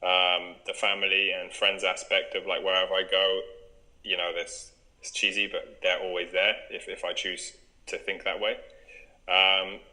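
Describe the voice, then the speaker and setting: A young man with a very bright, forceful tone and a fairly low voice. He chats in a relaxed, upbeat way as a yoga teacher, laughing easily between thoughts. Plenty of ums and restarts. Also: moderate pace, rough recording. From Wales. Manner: upbeat, chatty, laughs often, many fillers. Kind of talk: casual interview chat.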